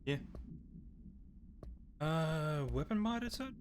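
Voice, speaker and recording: A man giving casual let's-play commentary, relaxed and thinking aloud, correcting himself as he goes. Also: a little high, slow pace, slight background noise. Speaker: gameplay streamer.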